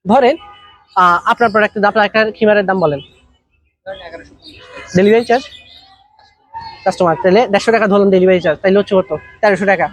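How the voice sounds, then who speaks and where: A man's voice: sits high, fast, pauses often, a bit bright, no room sound. A man giving a business masterclass in a colloquial way, telling stories with acted-out dialogue. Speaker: business trainer. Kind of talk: masterclass talk.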